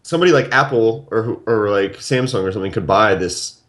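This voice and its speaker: A man with a low voice in casual panel chat. He talks calmly and reasons things out step by step. He often backs up his points with examples. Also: fairly quick. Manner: calm, reasoning, explains with examples. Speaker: podcast co-host.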